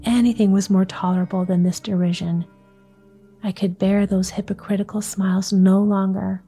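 A woman reading a story aloud in a soft, breathy whisper, storytelling at bedtime. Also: medium pitch, flat delivery, moderate pace, faint music behind.

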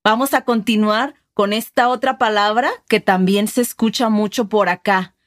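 A woman's voice: medium pitch, fairly even intonation, normal speed. Inquisitive woman host. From Mexico. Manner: inquisitive, explaining and asking follow-ups. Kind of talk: casual conversation about regional words.

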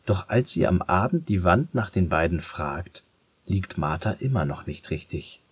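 A man reads a children's story in a calm, measured voice. His voice is very low and husky, and he speaks slowly and steadily. The recording is close and dry. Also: no room sound. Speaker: narrator. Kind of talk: storybook narration.

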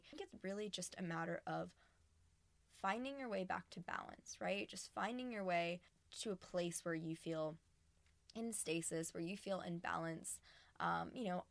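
A woman's voice: on the low side, vocal fry, fairly bright tone, no echo. A woman hosting her podcast in casual, earnest chat, recorded inside a small empty closet. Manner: chatty and earnest, with frequent restarts. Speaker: podcast host. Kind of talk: casual solo podcast talk.

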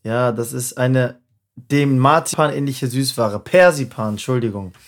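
A man's voice: mid-range voice, measured pace. Young man, podcast co-host, casual, slangy, searching for words, mid-range voice.

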